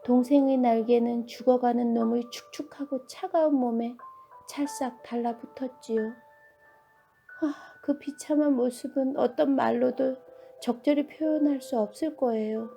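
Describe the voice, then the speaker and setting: A woman reading a bedtime storybook, voicing a grieving elder male dragonfly in a gentle, mournful way. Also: sits high, steady tone, a little slow, gravelly, soft background music. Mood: sorrowful.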